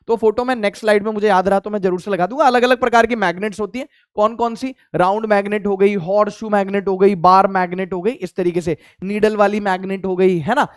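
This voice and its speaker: A man's voice: high voice, clear, resonant tone, dry recording, clean studio sound. A male physics teacher giving a casual classroom lecture in Hindi mixed with English, asking questions and then answering them himself. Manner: voices a student's replies to himself.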